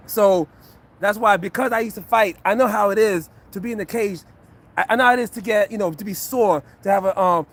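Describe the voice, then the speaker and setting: Breaking down a fight for viewers in a live chat, a retired fighter and acupuncture physician in his fifties speaks casually and earnestly, circling back over the same points. His high-pitched voice is fairly bright. A little hiss or hum runs beneath the recording.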